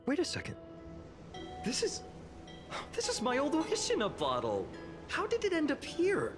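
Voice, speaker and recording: A woman's voice: high voice, wildly swooping pitch, moderate pace, music in the background. A woman voicing a playful, slightly embarrassed young village lad in a video game. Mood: surprised, excited. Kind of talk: game voice acting.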